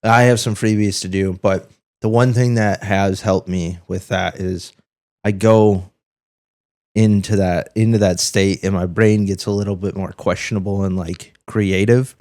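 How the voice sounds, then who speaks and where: A man's voice: low voice, fairly even intonation, measured pace, a little mellow, no echo, studio quality. A man co-hosting a podcast in casual chat, rambling and swearing freely, a bit under the weather. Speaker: podcast co-host.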